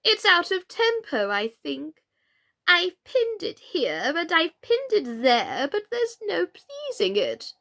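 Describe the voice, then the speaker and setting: A woman's voice: extremely high pitch, huge pitch swings, takes it slowly, pushed and bright, voice pushed up, exaggerated voice. A woman voicing a flustered, helpless, melancholy storybook queen who groans, sighs and speaks emphatically. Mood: melancholy, fretful. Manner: groaning, sighing, dotty, emphatic delivery.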